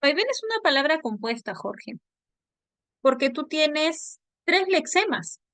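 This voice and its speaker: A woman teaching a language class online, explaining step by step and checking understanding with quick tag questions. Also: sits high, big pitch swings, a bit bright, dry recording.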